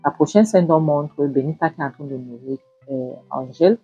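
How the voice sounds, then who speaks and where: A woman retelling scenes of a movie series, narrating plainly with halting fillers. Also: low-pitched, slightly rough, phone-quality sound, soft background music.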